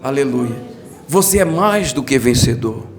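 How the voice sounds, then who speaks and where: A man with a Brazilian accent, preaching a fervent church sermon with many hallelujahs and bursts of shouting. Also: medium pitch, expressive, measured pace. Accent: Brazilian Portuguese. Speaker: pastor.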